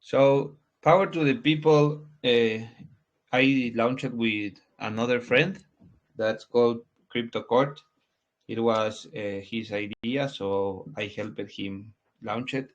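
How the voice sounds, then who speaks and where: Answering casual interview questions as a guest, this Ecuadorian man in his 20s founded a crypto project and speaks Spanish natively. His mid-range voice comes across haltingly, with frequent restarts and word searching, over dull lo-fi audio.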